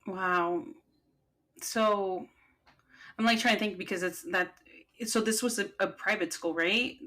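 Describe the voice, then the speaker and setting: A woman hosting a podcast chats casually with her colleague, sprinkling her speech with fillers like "like" and "kinda." Her mid-range voice is fairly bright, with a steady tone and measured pace.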